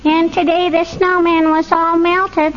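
A woman's voice: very high-pitched, flat delivery, measured pace. A woman playing an innocent, eager little girl in old-time radio comedy. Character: chirpy, innocent little girl next door. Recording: dull, faintly noisy radio recording.

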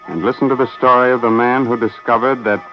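An actor playing a courteous, sinister host of macabre radio tales, deliberate and theatrical. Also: male voice, mid-range voice, steady tone, close to an everyday voice. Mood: ominous. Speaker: horror show host. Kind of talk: old radio horror host and narrator. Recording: dull old radio recording with music.

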